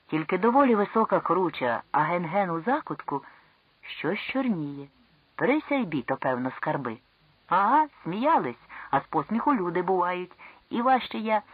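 A young man's voice pitched up and pushed hard, crying out for rescue, as a reader plays him. The tone is husky and breathy, heard in a dry, slightly dull lo-fi recording with no room sound. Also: no echo. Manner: raised, urgent pleading. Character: young man, eager then trapped and terrified. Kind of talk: audiobook character reading.

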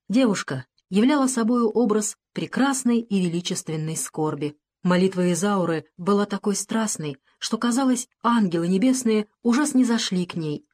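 A woman with a medium-pitched voice narrates an audiobook, delivering scripted narration in a calm, measured way.

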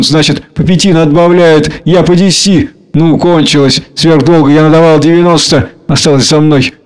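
A man's voice: a little high, natural voice. A man reading aloud, voicing a newly rich merchant overwhelmed by his own triumph. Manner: bursting, dazed triumph.

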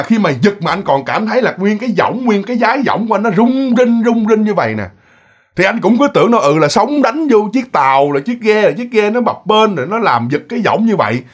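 Lively man telling ghost story. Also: high-pitched. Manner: lively, animated, with repetitions and asides to listeners.

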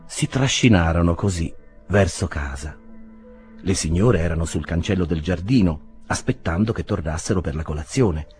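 A low-voiced man narrating a classic novel, his reading full of lively rise and fall. Faint music sits behind him. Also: normal speed. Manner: expressive, lively storytelling. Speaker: audiobook reader. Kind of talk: audiobook narration.

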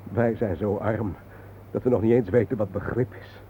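This poetic radio drama comes from an old, muffled, noisy recording. The actor's voice sits on the low side, fairly even in intonation, close to everyday speech and at a moderate pace, as he earnestly declaims the part of an intense, soul-searching man lost among the war dead, reverent and sombre.

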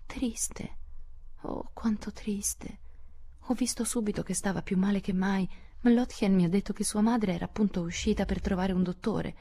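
Beth: a woman voicing a gentle, hushed teenage girl. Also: mid-range voice, pitched above the performer's own voice, natural voice. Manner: soft, hushed, near-whispered. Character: gentle shy teenage girl, frightened and sorrowful. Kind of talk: audiobook character voice.

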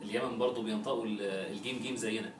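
A man's voice: fairly low pitch, fairly even intonation, very fast. A man, a student in a class, asking a question hesitantly with many restarts. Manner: hesitant, restarts mid-sentence. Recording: distant roomy classroom sound with background noise.

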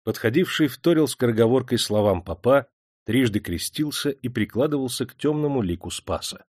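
A man reading an audiobook in a measured, dramatic storytelling manner. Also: mid-range voice, animated, a little mellow, dry recording, studio quality. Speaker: audiobook narrator. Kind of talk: scripted narration.

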